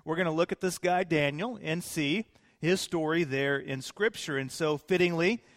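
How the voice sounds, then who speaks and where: Male pastor preaching at a pulpit mic, higher-pitched voice with long church hall reverb; casual, joking, asks the room questions. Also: normal speed, fairly bright tone. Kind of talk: sermon. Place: church sanctuary. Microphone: pulpit microphone.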